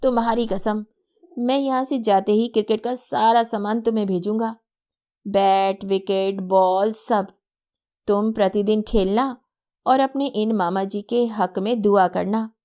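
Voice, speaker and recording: Brief: woman reading a cheerful young man who teases his sister, unhurried lines. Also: mid-range voice, fairly even intonation, lightly acted. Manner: playful, loud hawker calls. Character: jovial young man, teasing indulgent uncle.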